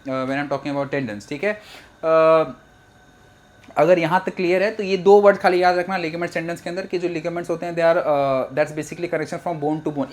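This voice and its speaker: Young guy teaching biology, kinda high voice, chatty, cracks jokes. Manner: chatty, joking, mixes English phrases into Hindi. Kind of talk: casual exam-prep lecture.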